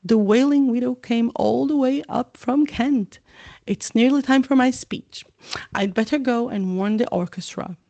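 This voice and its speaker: A woman's voice: fairly high pitch, a little slow, vocal fry, hardly any pauses, warm tone, dull audio, voice pushed up. Woman voicing a proud stiff ghost nobleman. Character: proud, touchy old male ghost nobleman.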